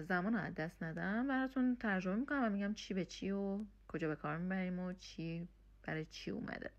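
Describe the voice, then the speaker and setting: A woman, teaching German in a casual lesson and explaining each phrase step by step. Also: mid-range voice. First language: Persian. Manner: explains step by step, checks in with "okay?".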